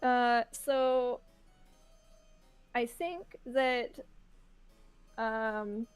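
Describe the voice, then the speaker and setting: A woman's voice: fairly high pitch, fairly even intonation, clean tone, soft background music. A woman playing a party game with friends, teasing and joking about the votes. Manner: playful, teasing, quick to laugh along. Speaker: player. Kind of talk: casual banter at game night.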